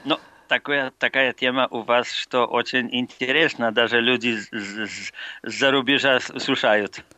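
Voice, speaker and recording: Halting Polish-accented man, bright and forceful. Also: medium pitch, fairly even intonation, no room sound. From Poland. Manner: halting, searching for words in non-native Russian. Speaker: phone-in caller. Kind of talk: live radio call-in conversation.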